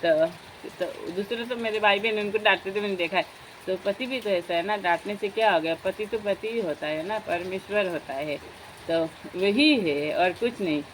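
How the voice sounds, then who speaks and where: A woman's voice: medium pitch, normal speed, a little hiss or hum, rough recording. A young woman vlogger in casual chat, talking straight to her viewers as friends in a chatty, confiding way.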